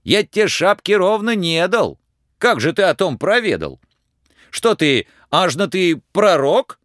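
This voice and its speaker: A man's voice: high voice, sing-song, unhurried, a bit bright, no room sound, studio quality, pitched above the performer's own voice, heavily acted. A man voicing a frightened, pleading young peasant lad in a storybook reading. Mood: defiant. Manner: pleading, wailing.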